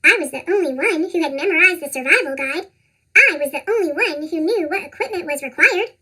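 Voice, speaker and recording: A storybook narrator reading to children in an animated, expressive way, with a squeaky pitched-up chipmunk cartoon voice. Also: a little fast. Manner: animated, expressive read-aloud. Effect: pitched-up chipmunk voice effect.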